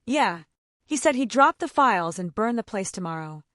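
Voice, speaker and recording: Woman doing a big heavy-set thug, curt and cursing, lively pitch. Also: normal speed, dry recording, clean studio sound, exaggerated voice. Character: tall, heavy-set male henchman, gruff.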